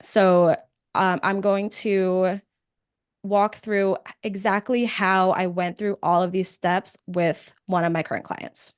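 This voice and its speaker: A woman's voice: medium pitch, slow, clear, resonant tone, dry recording, studio quality. Chatty woman presenting a webinar. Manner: conversational, energetic, with frequent "um" fillers. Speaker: webinar presenter, podcast producer.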